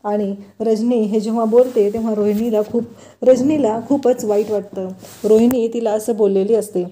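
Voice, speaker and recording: Woman narrator for a TV serial recap, dark and mellow tone, slightly high voice, steady retelling. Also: moderate pace. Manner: steady retelling with many quotes. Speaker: TV serial episode reviewer.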